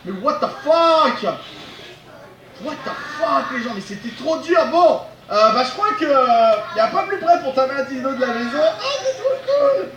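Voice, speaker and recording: A man giving excited commentary on a video game he is playing, talking straight to his viewers, often shouting and laughing. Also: very high voice, moderate pace, reverberant, muffled recording, a little hiss or hum. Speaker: gaming video host.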